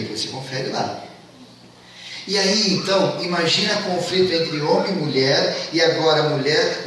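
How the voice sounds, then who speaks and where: Slangy Brazilian pastor in a very echoey room. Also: male voice, fairly high pitch, a bit bright, a little hiss or hum. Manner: slangy and joking, acts out Bible scenes in little voices. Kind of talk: casual camp talk on the Bible. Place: talk at a camp retreat venue. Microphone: phone camera from a distance. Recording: very echoey phone recording from far off.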